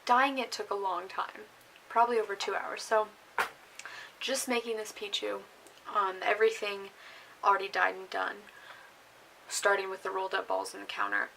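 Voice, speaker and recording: A woman's voice: medium pitch, level tone, moderate pace, vocal fry, long pauses, sharp tone, rough recording. A young woman chatting casually in a baking vlog, giggly, rambling and self-deprecating. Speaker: baking vlogger. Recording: faint hiss behind the voice.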